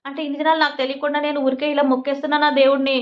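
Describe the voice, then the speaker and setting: A woman's voice: sits high, little pitch movement, very fast, highs cut off. A woman vlogger in casual talk to camera, rambling and making earnest, pleading appeals.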